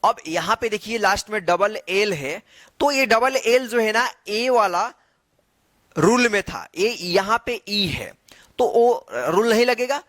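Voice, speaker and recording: A male English teacher giving a classroom-style lesson. He spells letters out slowly and answers his own questions. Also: high voice, lively intonation, fairly bright tone, no echo.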